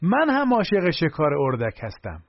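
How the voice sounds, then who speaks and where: An overeager young salesman, as a narrator puts him on, gushing in fake surprise with a voice that climbs high. The recording is dry and slightly dull. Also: huge pitch swings, no echo, full character voice.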